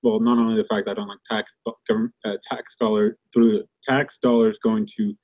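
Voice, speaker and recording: A man in a casual online debate whose call audio keeps glitching and cutting out, and who talks haltingly and restarts his phrases. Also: lowish voice, flat delivery. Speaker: call participant. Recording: dull, lo-fi call audio with dropouts.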